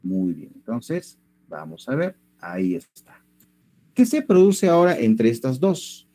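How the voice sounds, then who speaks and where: A man's voice: mid-range voice, wildly swooping pitch, measured pace, dark tone, dry recording. A male teacher giving an online language lesson over a computer mic, going step by step and checking that students follow. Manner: patient, step by step, keeps checking understanding.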